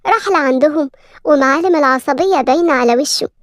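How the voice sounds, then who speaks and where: Fast high-voiced Egyptian woman narrator. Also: dry recording, clean studio sound. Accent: Egyptian Arabic. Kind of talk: scripted story narration.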